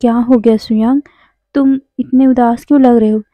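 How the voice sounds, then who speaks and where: A woman's voice: on the high side, steady tone, no echo, narrow, tinny audio, lightly acted. Impulsive young man, as a woman reads him. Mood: worried. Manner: pleading, quick-tempered. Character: impulsive young man searching for a loved one.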